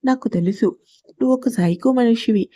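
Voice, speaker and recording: A woman's voice: fairly high pitch, moderate pace, mellow, no echo, lightly acted. A woman voicing a frightened, tearful young wife who pleads like a child in a storybook reading. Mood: scared, tearful.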